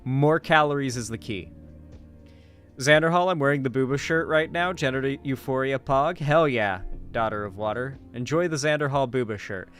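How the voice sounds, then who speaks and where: A man's voice: medium pitch, moderate pace, a bit bright, smooth, soft background music. A man hosting a livestream, chatting and reacting in a casual, rambling, profane way. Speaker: livestream host.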